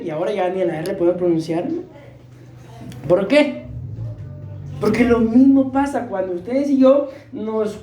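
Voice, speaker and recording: High-voiced woman preaching in an echoey church. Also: warm tone. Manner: rhetorical questions to the congregation; calls for amens. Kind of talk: sermon to a congregation.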